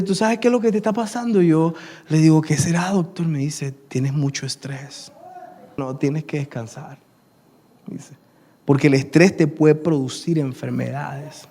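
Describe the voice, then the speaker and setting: A man's voice: high voice, darkish tone. A man, preaching a sermon and telling a personal story, acting out the dialogue. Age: 30s. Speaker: pastor.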